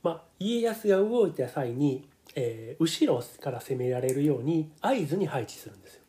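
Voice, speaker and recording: A man's voice: on the high side, very animated, moderate pace, dark tone. A middle-aged man with a Kansai accent, co-hosting a podcast and explaining history casually, in a polite, hesitant way. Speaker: podcast co-host.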